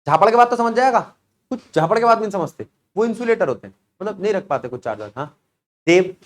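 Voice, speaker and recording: A man's voice: sits high, expressive, fast talker. A young man teaching physics in a classroom, chatty and joking, telling stories and quizzing students by name. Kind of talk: classroom lecture.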